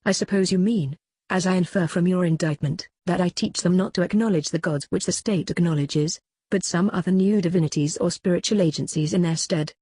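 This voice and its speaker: A reader voicing an aged philosopher on trial, cross-examining his accuser in a measured, questioning way in a dramatic reading. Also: mid-range voice, a little mellow, husky, no room sound, clean studio sound, lightly acted. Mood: probing. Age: older. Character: aged male philosopher on trial, probing, ironic. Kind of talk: dramatic reading of a classical dialogue.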